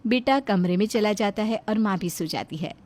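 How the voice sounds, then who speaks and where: A woman's voice: medium pitch, normal speed, a little mellow. A woman giving scripted narration for a family drama.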